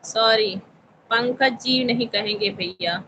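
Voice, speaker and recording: A woman's voice: a little high, slow pace, bright, forceful tone, slight background noise, low-quality recording. A woman from Uttar Pradesh hosting a casual live stream, politely answering viewers' comments and calling everyone brother. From Uttar Pradesh, India. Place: home in Visakhapatnam.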